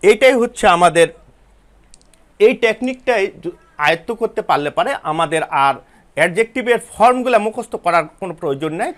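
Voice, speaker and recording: High-voiced man teaching an online class. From Bangladesh. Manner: explains step by step, spells words letter by letter; addresses students directly, repeats himself. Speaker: English teacher.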